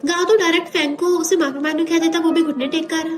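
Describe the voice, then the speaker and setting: Fast, high-voiced woman retelling a drama. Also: fairly even intonation, soft background music. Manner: brisk, chatty retelling that switches between scenes. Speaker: drama recap narrator. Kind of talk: quick storytelling recap of a drama.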